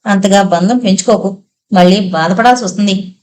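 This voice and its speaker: A woman's voice: mid-range voice, normal speed, a little mellow, lightly acted. A woman voicing a distraught young woman who raves in bitter outbursts, in an audiobook story.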